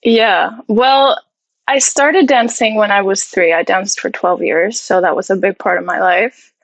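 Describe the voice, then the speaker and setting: Young woman from Iceland, mid-pitched, dry close sound, friendly and a bit self-conscious. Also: steady tone, unhurried, dry recording, poor audio. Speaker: guest actress. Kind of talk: casual interview chat.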